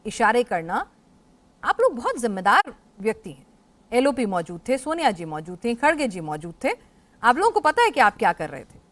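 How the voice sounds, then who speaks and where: Woman, news anchor, insistent questioning, fairly high pitch, TV debate moderation. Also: sing-song, normal speed, fairly bright tone.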